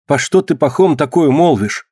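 A man's voice: fairly high pitch, animated, moderate pace, mellow, breathy edge, no room sound, clean studio sound, voice pushed up. A man voicing an anxious young peasant woman who pleads and cries out in distress. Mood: pleading.

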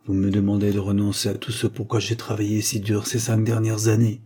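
A man's voice: lowish voice, completely flat delivery, fairly quick, warm tone, husky. A man voicing a torn young aristocratic son in an audiobook, speaking in a hesitant murmur.

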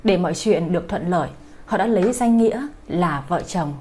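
A woman's voice: on the low side, lively intonation, normal speed, darkish tone, husky. A woman host giving a polite, formal scripted introduction to an audiobook for her listeners. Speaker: channel host.

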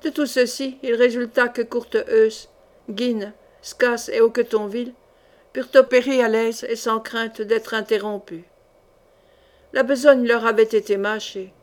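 Woman narrating an audiobook, slightly high voice. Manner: measured, dramatic storytelling. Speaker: audiobook reader. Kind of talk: scripted narration of a novel.

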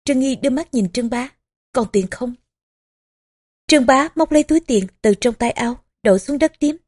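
Husky, mellow woman narrating a novel. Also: sits high. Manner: measured, even storytelling with small voicings for characters. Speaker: audiobook narrator. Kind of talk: scripted narration of a historical novel.

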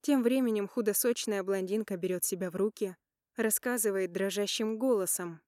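A woman's voice: mid-range voice, moderate pace, dark tone, no room sound, clean studio sound. A woman narrating a first-person audiobook in an emotional, dramatic manner.

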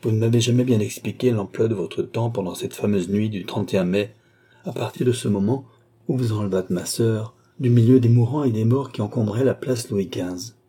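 Man voicing an angry young nobleman, audiobook, accusing, raised voice, mellow and husky tone. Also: fairly low pitch, moderate pace. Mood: indignant. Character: hot-headed young nobleman demanding satisfaction. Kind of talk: audiobook character reading.

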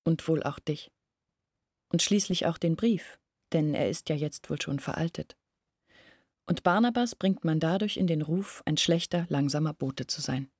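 The earnest village woman of this radio play explains family secrets, her husky, low, darkish voice measured and deliberate, at times sinking almost to a whisper. The sound is very close and dry, with no room sound.

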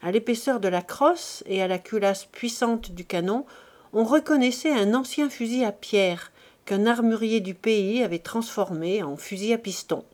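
A woman reads a classic novel aloud as an audiobook narrator, in a measured, expressive way. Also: medium pitch.

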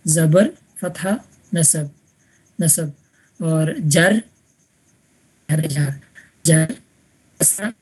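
A woman's voice: low voice, steady tone, pauses often, darkish tone, slightly rough. A woman teaching an Arabic grammar class online, patiently repeating examples and checking that students follow. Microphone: online voice chat room.

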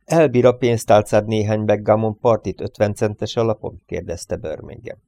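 A man narrates a novel in a low, mellow voice. He reads the characters' lines a little higher, then sinks softly on each "he said." The delivery is calm and steady, like an audiobook read at home. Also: gravelly, no room sound. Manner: reads dialogue with lifts for characters, drops low on speech tags.

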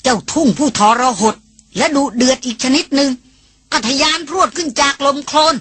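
A woman narrating an adventure novel as an audiobook, with steady, descriptive storytelling. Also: high-pitched, normal speed. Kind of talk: scripted narration.

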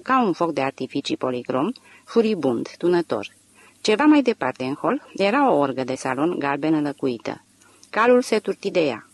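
A woman narrating a literary audiobook with an expressive, dramatic reading. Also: sits low, no room sound.

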